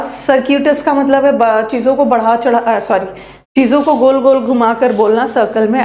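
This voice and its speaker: A woman teacher, leading a live online class and briskly spelling out words letter by letter. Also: fairly high pitch, darkish tone. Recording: echoey room with faint hum.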